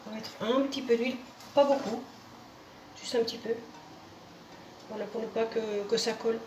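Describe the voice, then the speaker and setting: A Spanish-accented woman hosts a casual home cooking video, chatting while she cooks and sprinkling in "hein" and "voilà," sometimes restarting words. Her voice sits on the high side, a little mellow, with fairly even intonation at a normal speed. The sound is roomy and distant, with a sizzling pan and faint noise in her home kitchen.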